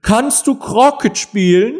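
Furious storybook queen, voiced by a man, shrill high voice, barked commands. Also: wildly swooping pitch, drawn-out words, fairly bright tone, exaggerated voice. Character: furious shrieking Queen of Hearts, woman.

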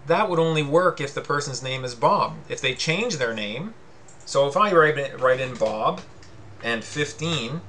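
A man's voice: mid-range voice, a bit bright, slight background noise. A male teacher talking through a coding screencast, patient and explanatory, reading out on-screen prompts as he goes.

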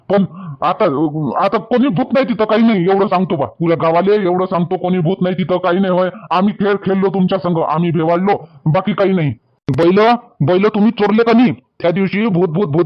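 A man with a Varhadi accent acting in a rustic village comedy sketch, talking emphatically and repeating himself. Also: high voice. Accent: Varhadi Marathi. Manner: emphatic and repetitive, pleading. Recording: dull lo-fi sound.

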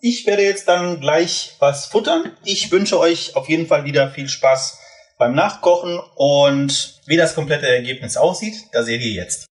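Male cooking vlogger, a bit higher pitched, casual and talkative, pan sizzling behind. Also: lively intonation, measured pace. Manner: chatty, explains steps while cooking. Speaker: cooking channel host. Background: food sizzling in a pan.

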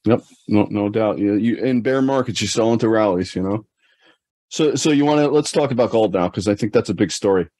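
Low-voiced man, dry close sound. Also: a little fast, a little mellow, no echo. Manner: hesitant, many fillers and restarts, agreeable. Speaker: podcast co-host. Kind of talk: casual finance discussion.

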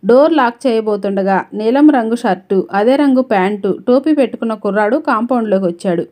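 A woman's voice: fairly high pitch, brisk, dark tone. A woman reading a novel aloud as an audiobook, speaking the characters' lines in her own voice. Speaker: audiobook narrator. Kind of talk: scripted novel narration with character dialogue.

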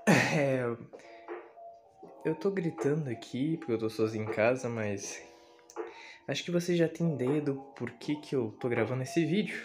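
Holding his phone camera as he walks through his kitchen and bedroom, a young Brazilian man vlogs a house tour with lo-fi music in the background. Playful and self-mocking, he keeps joking to his viewers, muttering quietly one moment and shouting the next.

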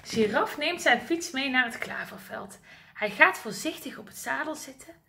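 A woman's voice: sits high, expressive, normal speed, gravelly, sharp tone, a little hiss or hum. A woman teacher reading a picture book aloud to young children, sing-song and asking them questions.

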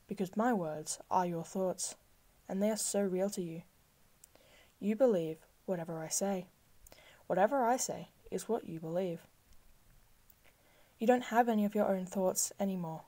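Soft-spoken woman guiding a hypnosis session. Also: medium pitch. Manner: soft, slow, soothing, repetitive, with breathy whispered stretches. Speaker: hypnosis guide. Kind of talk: slow guided hypnosis script.

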